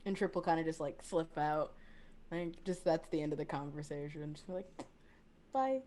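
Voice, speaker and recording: A woman's voice: low-pitched, steady tone, brisk, mellow. A woman playing a tabletop game in a chatty way, full of "like", acting out her character's lines. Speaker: player. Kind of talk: casual tabletop game play.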